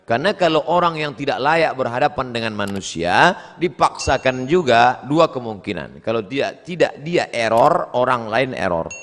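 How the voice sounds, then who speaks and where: A man's voice: medium pitch, lively intonation, normal speed, fairly bright tone. A man in his forties preaching a humorous question-and-answer sermon, storytelling and acting out quoted exchanges. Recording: long hall reverb.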